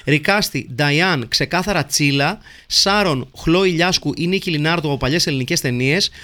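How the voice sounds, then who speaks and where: Reading out listener messages with playful humor, a podcast host rattles off lists of names. His voice is on the high side, bright and forceful.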